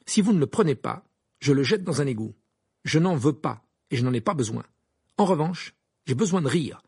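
A man's voice: on the high side, sing-song, brisk, creaky, husky, no echo, clean studio sound, pitched above the performer's own voice, full character voice. Harry, a firm teenage boy wizard, as a man reads him. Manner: firm, insistent.

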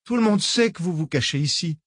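A man's voice: medium pitch, lively intonation, normal speed, darkish tone, husky, dry recording, clean studio sound, voice pushed up. A man voicing a frightened young woman who speaks in a desperate, defiant way.

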